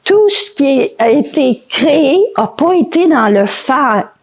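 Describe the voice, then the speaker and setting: Older québécoise lady giving a heartfelt talk, slow and a bit high, keeps saying things twice for weight. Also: lively intonation. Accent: Québécois French. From Quebec. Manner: unhurried, earnest, addresses the audience directly with emphatic repetition. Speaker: conference speaker and author. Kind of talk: inspirational spiritual talk to a live group. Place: conference in France.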